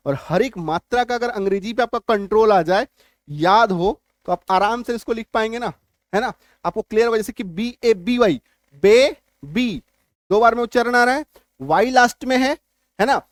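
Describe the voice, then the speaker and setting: High-voiced man teaching spelling. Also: no room sound, studio quality. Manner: repeats points, keeps checking if students understand; spells out words letter by letter. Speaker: English teacher. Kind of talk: spelling lesson.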